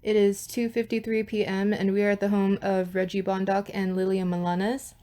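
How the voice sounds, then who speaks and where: A woman's voice: mid-range voice, flat delivery, fairly quick, dark tone. A young woman conducting an oral history interview, asking questions tentatively with many fillers.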